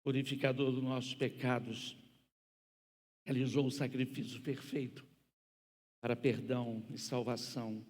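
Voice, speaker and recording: A man preaching a sermon as pastor, with slow, emphatic pauses that build to loud, ringing passages. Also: mid-range voice. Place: church sanctuary. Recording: church hall reverb.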